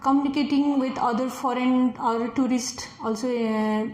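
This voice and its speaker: This test candidate is a forest officer, a native Nepali speaker in her twenties with a Nepali accent. Her voice sits high and darkish, steady in tone and normal in speed, as she answers exam questions hesitantly with many fillers. The recording has room echo and faint noise.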